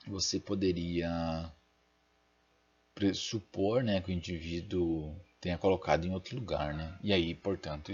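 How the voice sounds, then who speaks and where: A man's voice: sits low, slightly rough, muffled recording. A Brazilian man giving a recorded linguistics lecture, thinking aloud and checking in with frequent tag questions. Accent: Brazilian Portuguese. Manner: self-deprecating asides while using the mouse.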